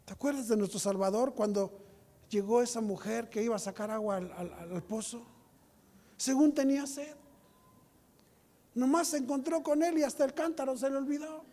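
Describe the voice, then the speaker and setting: A male pastor preaching a sermon, moving from soft storytelling to loud exhortation. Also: very high-pitched, moderate pace, long pauses, long reverb tail.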